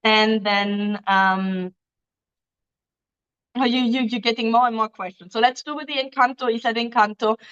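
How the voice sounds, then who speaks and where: A dating agency host whose first language is German reads out viewer questions in a casual live Q&A and answers in loose non-native phrasing with many ums. She has a fairly high, fairly bright, clean voice with fairly even intonation and a moderate pace, though the sound is lo-fi.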